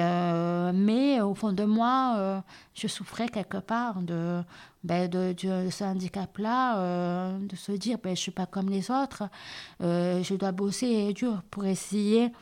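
A hard-of-hearing woman with a southern French accent, answering interview questions in a hesitant, halting way with many fillers. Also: medium pitch, darkish tone. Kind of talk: casual interview.

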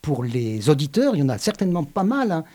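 A radio host leads a relaxed interview in a studio, voice moving up and down in pitch and warm in tone. The host asks questions conversationally, often restarting a phrase or repeating words. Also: fast talker.

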